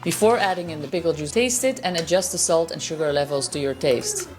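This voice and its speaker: A woman hosting a cooking video and walking through a recipe with steady step-by-step instructions. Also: low voice, fairly quick, over loud music. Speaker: cooking show host.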